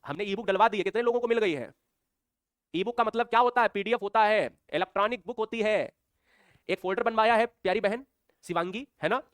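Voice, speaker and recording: A man teaching a live online class in mixed speech, lively and teasing, calling out viewers by name as he explains. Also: high-pitched, a little fast, clear, resonant tone, dry recording, studio quality.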